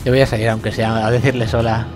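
A man's voice: medium pitch, little pitch movement, quick pace, music in the background. A young man giving casual, self-mocking commentary over a video game he admits he plays badly. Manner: self-mocking, bursts into laughter and yelps. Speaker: gameplay commentator. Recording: game sounds and noise behind the voice.

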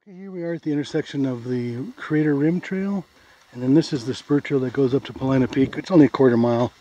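A man's voice: mid-range voice, quick pace, warm tone, no room sound. A man with an American accent casually narrating a forest trail hike outdoors, pointing out the sights as he walks. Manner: easygoing, plain, pointing out sights. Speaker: hiker filming a trail video. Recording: dull lo-fi camera audio.

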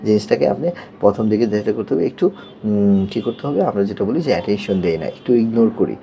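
Guy, a therapist, walks parents through tips slow and patient, gravelly mellow voice. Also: on the low side, animated, highs cut off. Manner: patient, repeats "yes" and checks "okay?". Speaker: occupational therapist. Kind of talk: explaining techniques to parents.

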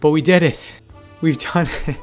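A man giving casual, excitable commentary over a game he is playing, talking to the characters on screen as he goes. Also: a little high, normal speed, faint music behind. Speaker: gaming video creator.

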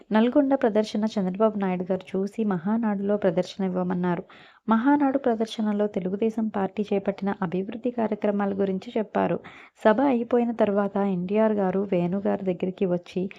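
A woman with a Telugu accent narrating a scripted biography in a steady, even read-aloud delivery. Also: medium pitch, lo-fi sound.

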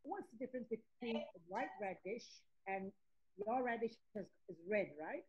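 A woman joining a cooking class over a video call, asking questions haltingly while she searches for words. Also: a little high, a little hiss or hum. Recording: dull lo-fi video call audio.

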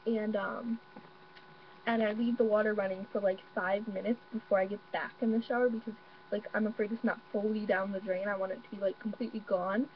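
Young woman, excitable rambling vlog, muffled lo-fi webcam sound, faint hum. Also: mid-range voice, a little fast. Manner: excitable, rambling, many fillers. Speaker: vlogger. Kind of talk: casual vlog. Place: bedroom at home. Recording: dull lo-fi webcam audio with faint mains hum.

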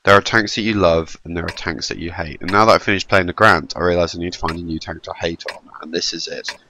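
Over a tank game full of gunfire and engine sounds, a young man with a head cold comments fast in a low, bright, forceful voice with fairly even intonation. His casual talk is rambling, wry and self-deprecating. The recording is rough, with a little hiss or hum.

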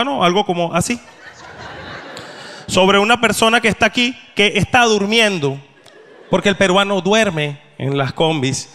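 A young adult man with a Venezuelan Spanish accent performing a stand-up comedy set, telling deadpan stories and acting out the voices of the people he meets. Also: high-pitched. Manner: deadpan storytelling, acts out quoted voices. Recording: long hall reverb.

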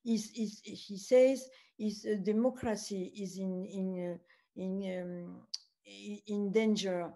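A woman's voice: medium pitch, steady tone, mellow. A woman film producer with a French accent, speaking non-native English in a festival Q&A, hesitating often as she searches for words. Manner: halting, searching for English words, many uhs. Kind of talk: festival Q&A conversation.

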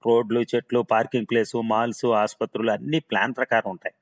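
A man voicing a brash, boastful male boss who talks loudly and pushily, mixing in English words. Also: medium pitch, flat delivery, fast talker, lightly acted. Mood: scornful.

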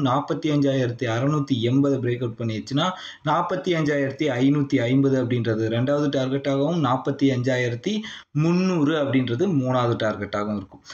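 A man with a Tamil accent giving a screen-recorded trading lesson. He walks the listener through the chart, reads out long lists of price figures, and keeps checking that the listener is following. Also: mid-range voice. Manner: explanatory, checks in with the listener often. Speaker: stock market trading teacher. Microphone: voice-over on a screen recording. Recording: roomy, muffled lo-fi sound.

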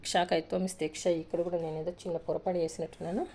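A woman teacher rapidly reciting an alphabet drill in a sing-song rhythm, adding brief asides about writing the letters. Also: on the low side, little pitch movement, darkish tone, a little hiss or hum. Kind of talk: reciting a Telugu alphabet lesson.

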